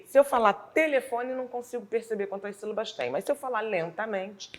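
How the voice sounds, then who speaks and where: A woman teacher from Brazil with a Rio de Janeiro accent, explaining a school lesson slowly and deliberately, sounding out words syllable by syllable. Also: fairly high pitch. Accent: Rio de Janeiro Portuguese.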